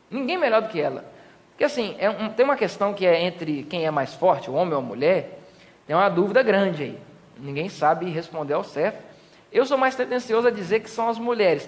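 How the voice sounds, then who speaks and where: A Brazilian man gives a joking sermon from a church pulpit. He has a high voice and acts out small scenes with playful voices. His voice rings with the long echo of a church hall. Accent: Brazilian Portuguese. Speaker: pastor. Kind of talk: humorous sermon.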